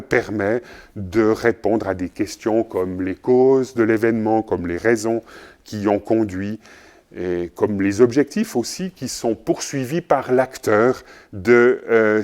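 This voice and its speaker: Man giving a halting journalism lecture. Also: on the low side, a little mellow. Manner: measured, often pausing with fillers. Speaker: journalism trainer. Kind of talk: recorded lecture.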